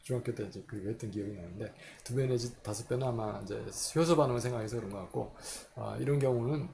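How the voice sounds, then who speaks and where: Gravelly-voiced man teaching chemistry. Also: mid-range voice, fast talker, dark tone, a little hiss or hum. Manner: explains step by step, asks and answers his own questions. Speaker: chemistry lecturer. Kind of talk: recorded university lecture.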